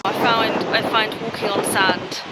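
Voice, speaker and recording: A woman's voice: mid-range voice, steady tone, a little slow, heavy background noise. A young woman, vlogging casually and sounding out of breath while she recovers from illness. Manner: chatty, grateful, laughs often. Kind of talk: casual vlog chat to camera. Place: outdoors on a walk, then at home.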